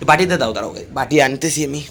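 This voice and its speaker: A young man chatting to viewers while filming a casual phone vlog at home and on local roads, slightly hoarse. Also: mid-range voice, racing, a bit bright, slight background noise. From India. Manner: chatty, addresses viewers as "guys". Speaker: vlogger.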